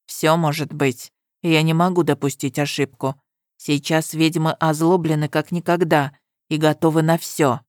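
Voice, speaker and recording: A woman voicing a stern, suspicious young male guard commander in an audiobook, speaking flatly and coldly. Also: sits low, moderate pace, dry recording, studio quality, natural voice. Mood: grave. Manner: flat, cold, commanding. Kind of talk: audiobook character reading.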